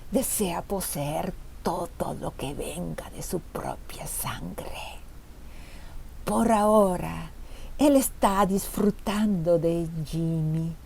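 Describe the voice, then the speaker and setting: Whispered role-play of a cruel female jailer, as a woman puts her on, low-pitched and thick-voiced. She taunts slowly and menacingly, her breathy words drawn out from a slight distance. An audio story with a dark, mellow tone. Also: slight background noise, exaggerated voice. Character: mocking, gloating female jailer.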